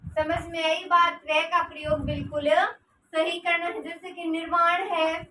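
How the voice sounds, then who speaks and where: Woman, high voice, grammar teacher, rhetorical questions, dictating notes, distant mic, noisy. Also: little pitch movement, measured pace, bright, forceful tone, roomy sound. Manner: asks rhetorical questions and answers them. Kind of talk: grammar lesson.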